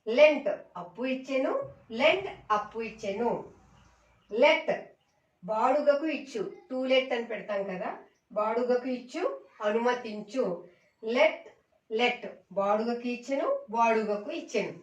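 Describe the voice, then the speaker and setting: A woman teaching a slow, repetitive vocabulary lesson, reciting each word and its meaning twice and speaking to viewers as friends. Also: a little high, reverberant, distant mic, muffled recording. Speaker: English teacher.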